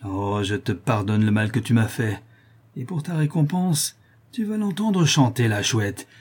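A man's voice: mid-range voice, animated, a little slow, darkish tone, slightly rough. A man voicing a vengeful, blind old convict in an audiobook, gloating with menace.

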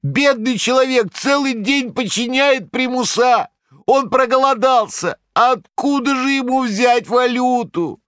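A shrill wheedling trickster. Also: male voice, unhurried, a bit bright, smooth, no echo, clean studio sound. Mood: shrill pleading. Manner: whining, mock-pleading, shrill.

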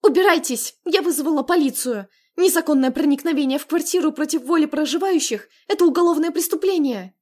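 Woman reading an agitated young sister, high-pitched and urgent. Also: fairly quick, few pauses, darkish tone, close to an everyday voice. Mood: panicked. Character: Margarita, frightened protective young woman.

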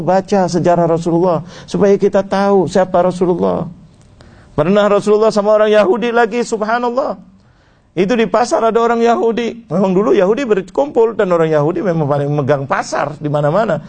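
Animated high-voiced preacher. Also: male voice. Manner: animated, swings between high exclaims and low murmurs; asks the audience questions. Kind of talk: sermon.

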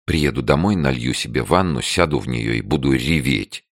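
A man voicing a tired, gloomy young woman who speaks quietly and with restraint in an audiobook. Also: a bass voice, expressive, moderate pace, no room sound, studio quality, exaggerated voice. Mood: weary. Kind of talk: audiobook character voice.

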